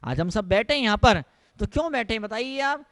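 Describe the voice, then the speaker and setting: High-voiced monk giving a sermon. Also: male voice, animated, a little fast, fairly bright tone, no echo. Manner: repetitive, emphatic, mixing English phrases. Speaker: Jain monk.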